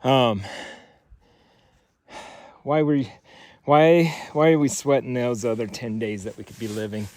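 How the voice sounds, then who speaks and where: A man talking casually to the camera while hiking outdoors, out of breath and halting from the climb. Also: mid-range voice, steady tone, darkish tone, no room sound. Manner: winded from hiking uphill, halting delivery. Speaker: vlogger sharing his cancer story. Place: outdoors on hilly trails.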